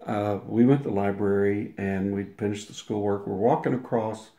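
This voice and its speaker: His voice is lowish, steady, creaky and warm, moving at a moderate pace. The roomy echo carries this casual anecdote from an interview guest who rambles, restarts, and acts out what people said.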